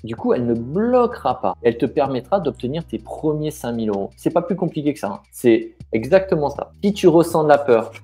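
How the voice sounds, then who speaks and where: A man's voice: on the high side, big pitch swings, fairly quick, few pauses, warm tone, soft background music. A man coaching the viewer directly in an informal, encouraging way, with fillers and restarted sentences. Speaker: business mindset coach. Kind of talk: coaching video talking straight to the viewer.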